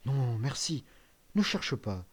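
Man reading as a frail old dad, poor and proud, soft tired voice, kinda quiet and low, audiobook style. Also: big pitch swings, slow pace. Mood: weak, tender. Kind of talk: audiobook character voice.

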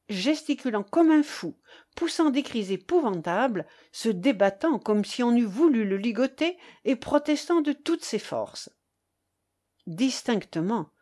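A woman narrates a story in a measured, expressive reading. She takes her time over each phrase, her voice mellow and dark, with a lively, rising and falling pitch.

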